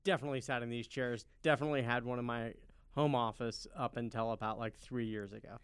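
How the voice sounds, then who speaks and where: A man co-hosting a podcast, adding relaxed, chatty asides. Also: mid-range voice, quick pace, clear, resonant tone, dry recording. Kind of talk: casual chat.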